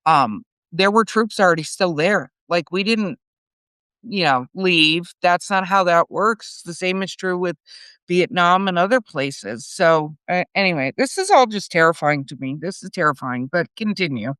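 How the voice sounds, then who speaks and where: A woman's voice: lowish voice, expressive, moderate pace, fairly bright tone, no room sound. A woman co-hosting a podcast, reacting earnestly and chatting casually. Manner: reacts with short remarks, earnest. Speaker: podcast co-host. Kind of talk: casual chat.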